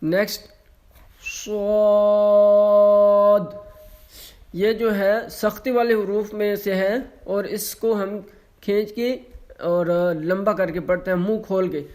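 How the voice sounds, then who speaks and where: A man teaching Quran letter pronunciation online, stretching each letter sound slowly and explaining quickly in between, with some English mixed in. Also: sits high, fairly even intonation, a little mellow. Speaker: Quran reading tutor.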